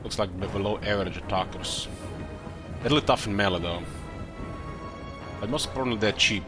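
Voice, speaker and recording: Lowish guy thinking out loud over his game, kinda halting, game music behind him. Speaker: gamer commentating own play. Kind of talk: casual game commentary.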